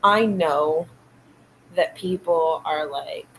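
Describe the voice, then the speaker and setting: Slow and low-pitched, with a slightly bright tone, a woman hosts a late-night livestream from a home room illuminated by fish tanks. Her talk is casual, meandering and hesitant, full of fillers and thoughts that trail away. The recording is rough, carrying a little hiss or hum.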